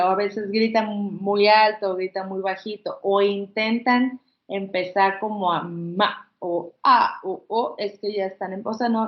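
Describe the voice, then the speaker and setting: A woman giving an informal workshop talk, reassuring her listeners and acting out baby sounds as examples. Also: medium pitch. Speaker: child language workshop presenter. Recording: echoey room, slightly dull audio.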